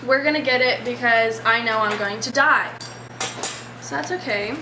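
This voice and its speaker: A woman's voice: on the high side, moderate pace. A young woman chatting casually as she hosts a vlog. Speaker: vlogger. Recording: noisy echoey room, clattering dishes.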